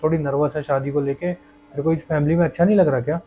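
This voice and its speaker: A man's voice: fairly high pitch, fairly even intonation, fast, phone-quality sound, soft background music, lightly acted. A man voicing an easygoing young husband who teases his wife in a casual, joking way. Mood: teasing. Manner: teasing, casual.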